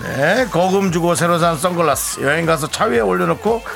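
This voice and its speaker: A man's voice: fairly high pitch, lively intonation, normal speed, creaky, fairly bright tone. A man co-hosting a radio show, playfully reading items and chatting in a studio.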